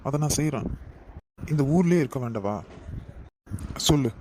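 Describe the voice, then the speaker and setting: A man voicing a gentle young husband who soothes and coaxes his wife, with a Kanyakumari Tamil accent. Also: mid-range voice, expressive, normal speed, a little hiss or hum, natural voice. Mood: soothing. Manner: soothing, coaxing.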